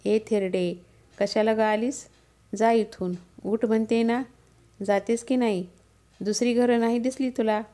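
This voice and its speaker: A woman voicing a haughty, arrogant queen who shouts with contempt in a devotional story. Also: on the high side, fairly even intonation, measured pace, pauses often, natural voice. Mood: contemptuous.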